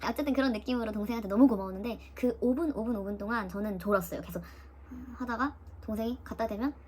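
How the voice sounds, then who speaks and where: Young woman vlogger, quick casual storyteller who imitates others, faint background hiss. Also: fairly high pitch. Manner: lively, mimics voices of nurses and her sister while retelling.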